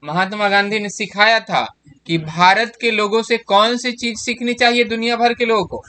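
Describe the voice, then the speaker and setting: In a class, a man in his 30s walks students through exam answers step by step, quizzing them with questions as he goes. His voice sits high with a steady tone, a moderate pace and a pushed, bright quality.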